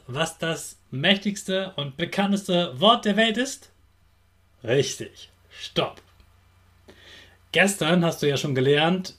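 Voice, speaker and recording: Upbeat teacher man talking to kids. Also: a little high. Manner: lively, encouraging, speaks straight to the listener. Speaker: teacher and children's podcast host. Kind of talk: upbeat talk addressed to children.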